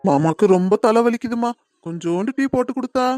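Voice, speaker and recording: A woman's voice: on the high side, lively intonation, quick pace, mellow, no room sound, clean studio sound, soft background music, natural voice. A woman voicing a meek henpecked husband. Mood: timid. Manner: timid, pleading. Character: meek henpecked husband, middle-aged man. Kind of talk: cartoon comedy voice acting.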